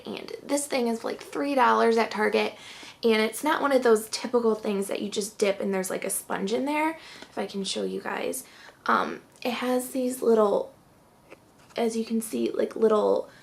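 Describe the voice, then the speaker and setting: A young-sounding woman reviews her favorites in a chatty, rambling way, short of breath between phrases. Her voice carries a heavy, gravelly vocal fry under a mid-range pitch. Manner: chatty, fillers like "um" and "like". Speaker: beauty vlogger. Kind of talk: casual product review.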